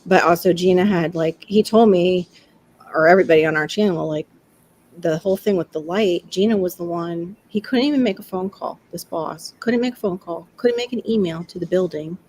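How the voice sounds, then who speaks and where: Chatty middle-aged woman, low voice. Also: brisk, darkish tone, a little hiss or hum, low-quality recording. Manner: chatty, laughing, acts out quotes. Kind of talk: casual livestream chat.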